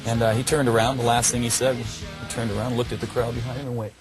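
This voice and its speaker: Band guy telling a concert story, laid back, lotta pauses, music going behind him. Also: medium pitch, little pitch movement, rough recording. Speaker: rock band member. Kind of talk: anecdote told in an interview. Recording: interview with music playing behind.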